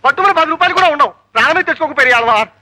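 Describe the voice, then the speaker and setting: Pompous elder, very high bright voice, wry lecturing. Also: male voice, expressive, racing, full character voice, poor audio. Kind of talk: film comedy acting.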